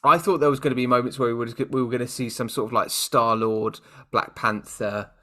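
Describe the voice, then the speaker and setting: A young British man co-hosting a casual podcast, animated and jokey, often laughing. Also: medium pitch, brisk. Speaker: podcast co-host. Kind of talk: casual chat.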